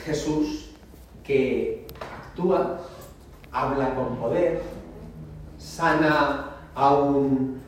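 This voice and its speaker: A man's voice: medium pitch, a little hiss or hum. A man, a priest, giving a homily in an emphatic, conversational preaching style. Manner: emphatic, conversational preaching with dramatic quoted voices. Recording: echoey church from far off.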